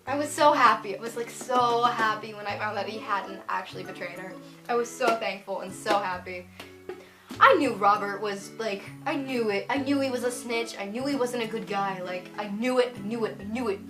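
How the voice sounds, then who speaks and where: A young woman giving a casual spoken book review, gushing and animated, full of "like" fillers. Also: mid-range voice, normal speed, music in the background.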